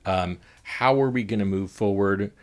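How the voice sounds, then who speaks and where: A man hosting a podcast interview, asking thoughtful, halting questions with some pauses. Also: fairly low pitch. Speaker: podcast host.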